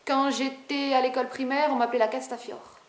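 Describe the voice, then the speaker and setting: A woman spiritual vlogger talking fast and animatedly to camera in a casual, rebellious way, with a high-pitched voice. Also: flat delivery, roomy sound.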